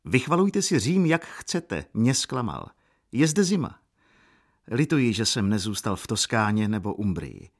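A man's voice: fairly low pitch, very animated. A man doing a weary, brooding young man. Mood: weary complaining. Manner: tired, brooding, quiet.

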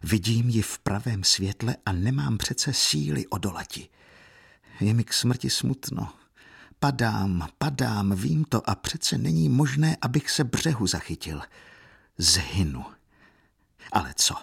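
A man with a husky voice reading the lines of a young man torn by longing in a story, speaking in an agitated, pleading way. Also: on the low side, expressive, exaggerated voice. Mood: despairing.

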